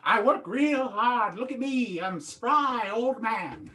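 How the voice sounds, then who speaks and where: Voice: medium pitch, animated, slow, sharp tone. A performer doing a spry old leprechaun stew cook. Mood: pleading. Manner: folksy old-timey talk with a lilt.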